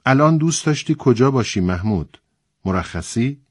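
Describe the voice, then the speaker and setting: A man reading aloud, voicing a calm, kind middle-aged army commander who speaks gently and reassuringly. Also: medium pitch, no echo, clean studio sound, lightly acted. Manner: gentle, reassuring, soft-spoken.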